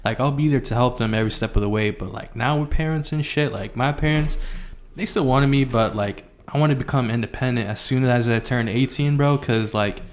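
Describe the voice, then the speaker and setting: A man's voice: mid-range voice, fairly quick. A young adult man in a casual podcast chat, talking in loose slang and often saying bro and man.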